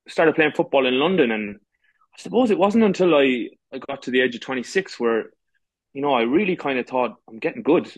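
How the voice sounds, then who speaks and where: A Galway man in his thirties, an amateur goalkeeper, chats casually as a podcast guest in his west-of-Ireland accent. His voice sits at medium pitch, and the recording is dry and low quality.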